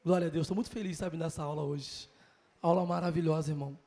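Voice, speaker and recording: A man's voice: a little high, fairly even intonation, fast talker, mellow. A man with a Brazilian Portuguese accent teaching a Sunday school Bible lesson, earnest, repeating key phrases and calling listeners brother.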